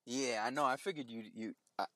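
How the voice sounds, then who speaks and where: A man's voice: mid-range voice, fairly bright tone, dry recording. Man, casual podcast talk, rambling with restarts, dry recording. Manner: rambling, halting speech with many restarts.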